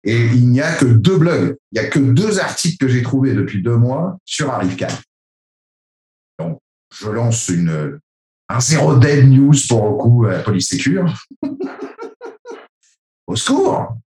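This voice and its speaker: A man's voice: mid-range voice, sing-song, slow, long pauses, mellow, reverberant. A man from France talking casually in a discussion, rambling with many fillers and restarts.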